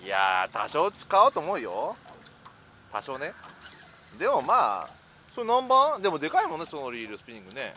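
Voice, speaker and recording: A man with a ribs his friend in a laid-back way and laughs often as he hands out fishing advice. His voice is bright, and his pitch swings widely from word to word. Faint wind and boat noise hang in the background. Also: huge pitch swings, moderate pace. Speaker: experienced angler coaching a friend. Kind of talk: casual chat. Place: deck of a fishing boat at sea.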